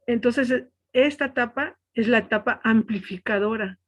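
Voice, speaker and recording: A woman's voice: fairly high pitch, moderate pace. A woman teaching an online class, explaining step by step and often asking "¿sí?" to check on her students. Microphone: webcam.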